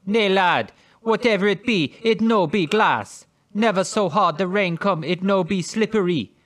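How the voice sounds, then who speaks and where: Gruff old rustic boat captain, a podcaster hamming it up, high and loud. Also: male voice, a little slow. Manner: clumsy put-on rustic accent, louder and higher.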